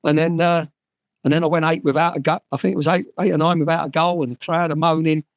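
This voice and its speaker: A man's voice: on the high side, little pitch movement, fast talker, no room sound. An English man in his sixties, a former footballer, telling frank, sweary anecdotes with many fillers and restarts. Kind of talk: storytelling anecdotes in conversation.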